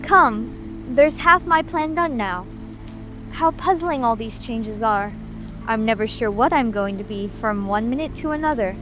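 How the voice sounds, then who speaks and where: High-voiced curious girl Alice played by a woman. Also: expressive, measured pace, fairly bright tone, faint music behind. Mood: musing, puzzled. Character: curious, polite, easily puzzled young girl Alice. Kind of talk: dramatic audiobook reading.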